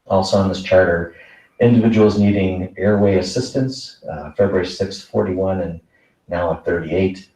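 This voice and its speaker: A man, a school superintendent presenting a report at a board meeting, measured and full of fillers. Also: low voice, fairly even intonation, mellow. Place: meeting room. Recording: echoey room, voice from a distance.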